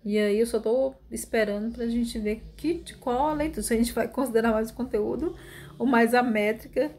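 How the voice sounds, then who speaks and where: A woman's voice: fairly high pitch, normal speed, darkish tone. A woman teaching literature in an informal online lecture, explaining step by step and often checking in with tag questions. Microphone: phone screen recording.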